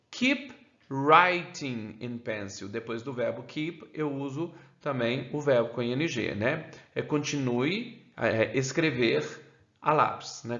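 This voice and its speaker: Brazilian teacher with a roomy, dull sound. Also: male voice, mid-range voice, bright, forceful tone. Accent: Brazilian Portuguese. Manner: keeps adding "né?" after phrases, says English examples slowly. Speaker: English teacher. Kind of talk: explaining a grammar lesson.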